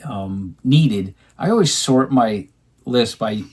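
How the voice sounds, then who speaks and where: Casual male co-host, rambling delivery with lots of ums, mid-pitched, at home. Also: expressive, takes it slowly, slightly rough. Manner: rambling, many ums and restarts. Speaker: co-host showing his record purchases. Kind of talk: casual chat.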